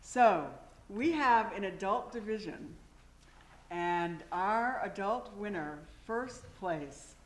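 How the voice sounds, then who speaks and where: A woman's voice: mid-range voice, lively intonation, slow pace. A woman organizing a museum event, announcing the awards with enthusiastic praise and many fillers. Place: museum event hall with an audience.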